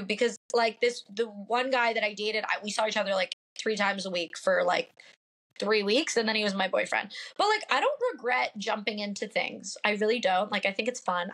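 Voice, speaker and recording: As a podcast guest in casual chat, a late-twenties woman from the Pacific Northwest talks upfront and with many fillers. Her nasal voice sits at medium pitch with a fairly bright tone.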